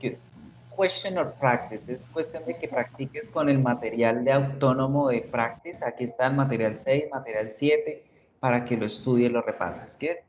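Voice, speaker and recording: A man teaching an online English class, explaining slowly and checking in with short questions. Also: medium pitch, a little hiss or hum, low-quality recording.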